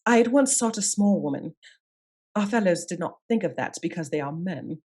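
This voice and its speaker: A woman's voice: lowish voice, animated, moderate pace, darkish tone, breathy edge. A woman playing a shrewd, assured lady detective in a period radio mystery, speaking formally and articulately as she sets out her case. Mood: calm, explanatory. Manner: articulate, formal, methodical accusing delivery. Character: shrewd, composed lady detective of Scotland Yard, commanding and assured.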